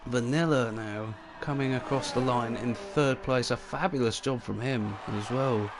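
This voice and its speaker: A man commentating a sim racing league with excitable, exclamatory calls. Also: mid-range voice, unhurried, background noise. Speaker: race commentator.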